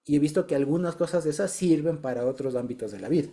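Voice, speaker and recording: Man, fairly high mellow voice, casual group testimony, keeps checking listeners follow. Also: fast. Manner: chatty, repeats words and checks in with listeners. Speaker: Bible study group member.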